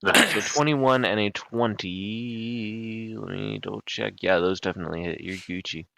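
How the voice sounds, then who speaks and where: A man's voice: fairly low pitch, measured pace, gravelly, pushed and bright, no echo. A man running a tabletop game as game master over an online voice call, hesitant with many ums, joking in a sports-commentary way.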